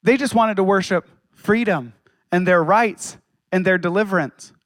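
A man preaching a sermon as pastor, with dramatic pauses and acted quotes. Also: high voice, dry recording, studio quality.

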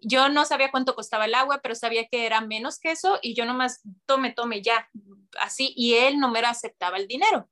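Bright, high-voiced woman. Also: fast talker. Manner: animated, acts out voices, laughs often. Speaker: guest. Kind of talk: casual storytelling.

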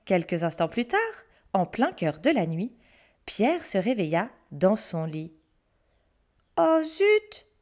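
A woman storyteller reading a children's story aloud, expressive and hushed for suspense. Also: lowish voice, measured pace.

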